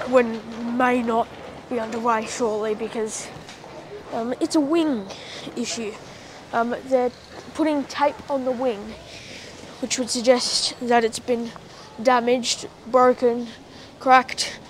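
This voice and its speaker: A woman's voice: on the high side, steady tone, slow pace, slight background noise. A woman giving casual travel vlog commentary with dry, sarcastic asides, recorded on a handheld camera. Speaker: travel vlogger. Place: airport terminal and plane cabin.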